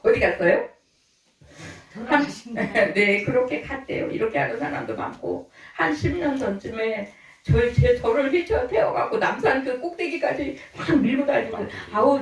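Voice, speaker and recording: A woman's voice: fairly high pitch, roomy sound, recorded from a distance, poor audio. A woman pastor telling stories in her sermon, acting out the people she quotes and laughing often. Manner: lively storytelling, acts out quoted voices, laughs often. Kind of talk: storytelling sermon. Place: church hall.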